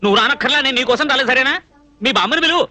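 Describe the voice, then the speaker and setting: An actor dubbing a naive, fussy young male cook in a film comedy, scolding and quick-tempered. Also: very high voice, bright, forceful tone, no echo, full character voice. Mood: brusque. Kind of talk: dubbed film comedy acting.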